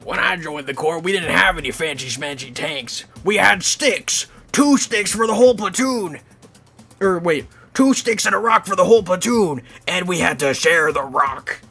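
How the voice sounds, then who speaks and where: A man voicing a gruff old male drill sergeant whose voice drifts into a pirate growl, over faint game music. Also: high-pitched, normal speed, bright, forceful tone, voice pushed up, heavily acted. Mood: boastful.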